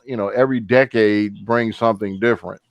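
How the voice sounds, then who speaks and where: A man's voice: fairly low pitch, fairly even intonation, brisk, dry recording, highs cut off. Joking middle-aged man in a dry room. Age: 50s. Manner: joking, loud sudden laughs. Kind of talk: casual group chat.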